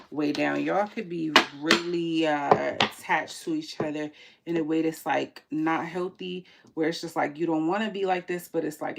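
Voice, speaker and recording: A woman's voice: deep voice, vocal fry, very noisy. A woman reading tarot on a livestream, chatting casually in slangy speech and reading viewer comments aloud. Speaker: tarot reader hosting a livestream.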